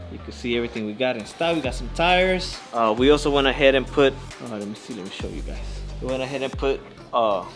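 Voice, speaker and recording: Breathless Texan shop owner vlogging. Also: male voice, mid-range voice, a bit bright. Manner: laid-back, mixes Spanish into English, repeats "guys". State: a little out of breath. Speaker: channel host. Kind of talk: casual vlog talk. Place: his auto parts shop.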